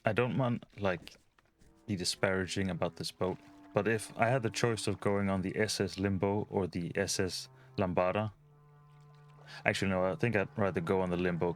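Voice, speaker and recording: A low-voiced man chats through a game playthrough. He rambles drily and casually, with faint game music behind him. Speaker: video game player commentator.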